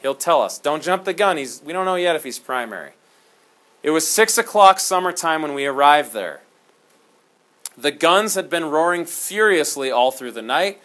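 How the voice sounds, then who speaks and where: A man teaching a history class in a classroom, talking in an animated, jokey way and slipping into dramatic storytelling. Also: fairly high pitch, normal speed. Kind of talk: classroom lecture.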